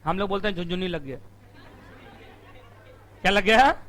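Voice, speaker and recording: Some chatter can be heard behind a man teaching company law to a live class through a room mic. His high, bright voice sounds strained from shouting as he shoots quick questions at students and answers them himself.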